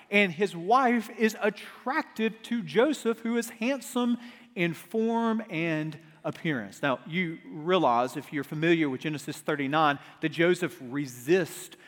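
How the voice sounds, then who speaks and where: A man's voice: high voice, a bit bright. A man preaching a sermon into a pulpit microphone in a church sanctuary, asking rhetorical questions and often restarting his words. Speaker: pastor. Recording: long hall reverb.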